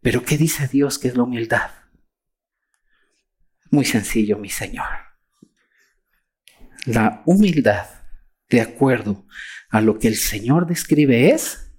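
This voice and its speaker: A preacher with a Mexican accent, delivering a sermon in an animated way and acting out mocking quotes of others. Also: medium pitch, slightly rough. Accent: Mexican Spanish.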